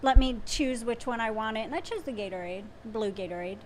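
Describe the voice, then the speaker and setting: A woman's voice: a little high, a little fast, a little hiss or hum, rough recording. A woman co-hosting a casual live stream, often laughing and chiming in with short reactions. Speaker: aquarium channel co-host.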